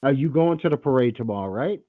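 A man's voice: medium pitch, animated, fast, phone-quality sound. A man hosting a call-in show, talking in a blunt, profane and opinionated way. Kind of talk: casual call-in radio talk.

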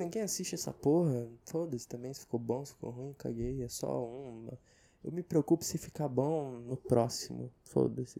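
Young man, Brazilian Portuguese accent, dark mellow tone, casual podcast monologue, profane, self-mocking. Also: on the high side, gravelly. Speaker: podcast host.

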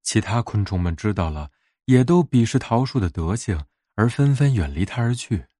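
A man's voice: on the low side, lively intonation, moderate pace, mellow, breathy edge, no echo, studio quality. A man narrating a scripted bedtime fable for adults as a storyteller.

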